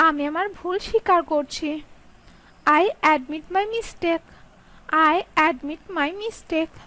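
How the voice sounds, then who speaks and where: A woman with a very high voice runs a sentence drill, reading each English phrase at a crawl with careful spacing. Her Bengali lines are much quicker than the English. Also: pushed and bright, rough recording. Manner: slow, carefully spaced delivery, Bengali read quickly, English drawn out. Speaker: English teacher.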